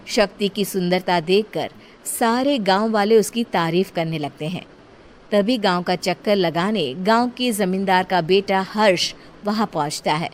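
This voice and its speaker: A woman's voice: medium pitch, slight background noise. A woman reading scripted story narration as the storyteller. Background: music.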